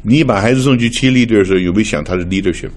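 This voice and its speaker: An older man from Taiwan delivers a sermon full of personal stories in a chatty, storytelling manner. He laughs often and mixes in English words. His voice is on the low side, and he speaks rapid-fire.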